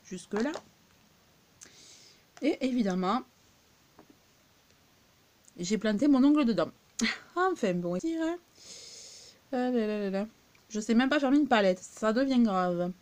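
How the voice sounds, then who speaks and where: A woman's voice: fairly high pitch, expressive, measured pace, pauses often, a little mellow. A woman with a southern French accent chatting casually to viewers as she shows off her cheap finds, with many fillers. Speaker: vlogger showing a discount-store haul. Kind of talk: casual chatty haul video.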